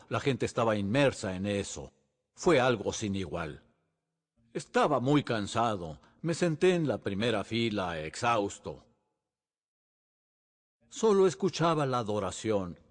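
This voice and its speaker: A man's voice: mid-range voice, long reverb tail. A male pastor preaching earnestly, often asking the congregation rhetorical questions. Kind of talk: sermon. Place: church sanctuary.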